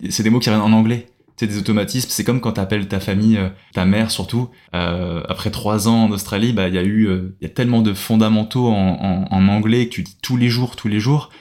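A man's voice: on the low side, fairly even intonation, fast, hardly any pauses, a little mellow. A young man from France, a podcast guest chatting casually, hesitant with many fillers and restarts. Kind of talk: casual interview chat.

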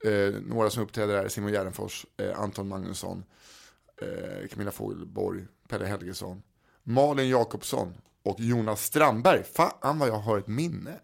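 Podcast guy with a gravelly creaky voice, teasing and joking around, casual chat. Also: fairly low pitch. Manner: playful teasing storyteller. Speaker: podcast co-host and comedy club host.

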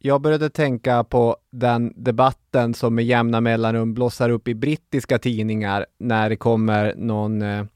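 A man's voice: mid-range voice, level tone, hardly any pauses, a little mellow, clean tone, no echo. Reflective man, dry close sound. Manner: reflective, brief agreeing interjections. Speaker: podcast co-host. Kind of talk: casual history podcast chat.

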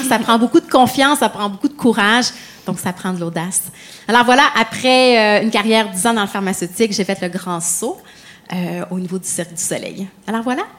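A woman introducing herself on a live podcast panel, measured and stressing her points by repeating them. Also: mid-range voice. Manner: measured, emphatic repetition. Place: theatre stage.

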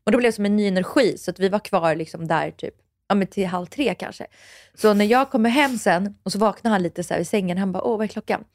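A woman's voice: medium pitch, no room sound. Woman host telling stories in dry sound. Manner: lively storyteller who acts out friends' lines. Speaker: podcast host. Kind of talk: casual podcast chat.

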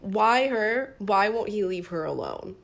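Woman co-host, mid-pitched, eager horror-fan talk, casual and chatty. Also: lively intonation, unhurried, vocal fry. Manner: enthusiastic, explains horror trivia. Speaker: podcast co-host. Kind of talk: casual movie-watch chat.

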